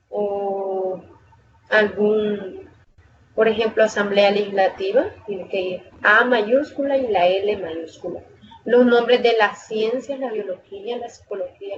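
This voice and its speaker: A woman tutor giving an online lecture on spelling rules. She reads slides aloud, works through lists of example words and corrects her own slips as she goes. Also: a little high. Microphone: video call microphone. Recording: dull lo-fi video call audio with faint noise.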